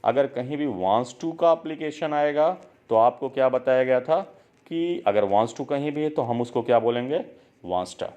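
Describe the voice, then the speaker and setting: A man's voice: medium pitch, moderate pace, mellow, dull audio. A man with an Indian accent teaching a spoken English lesson, mixing Hindi and English and drilling learners to repeat phrases.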